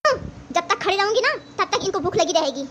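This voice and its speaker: A woman's voice: very high voice, expressive, quick pace, a bit bright, a little hiss or hum. A woman voicing a cold, impatient young daughter-in-law in a cartoon family drama, scolding her mother-in-law.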